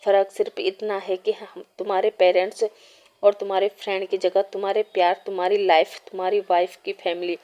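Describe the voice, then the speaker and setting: A woman voicing a vengeful male villain in a storybook reading, in a flat, threatening tone. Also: mid-range voice, a little fast, natural voice. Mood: menacing. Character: menacing male villain seeking revenge.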